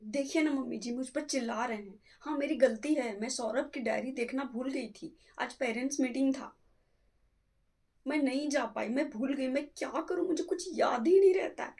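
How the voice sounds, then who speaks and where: A woman's voice: moderate pace, darkish tone. A woman playing a flustered young wife in a family skit, apologetic and defensive. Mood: complaining. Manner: pleading, defensive, high-strung.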